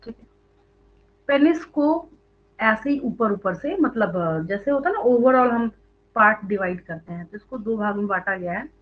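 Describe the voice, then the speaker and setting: A woman's voice: medium pitch, expressive, measured pace. A woman teaching biology in an online class, explaining step by step, asking her students questions and repeating the answers, with English terms mixed into her speech. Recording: tinny phone-like online audio.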